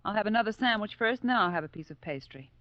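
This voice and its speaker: An actress playing a plucky, defiant American woman war reporter in a grave 1940s radio drama, with a crisp, dramatic, wry delivery. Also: mid-range voice, expressive, racing, dry recording, natural voice. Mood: frank, challenging. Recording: muffled old 1940s radio recording.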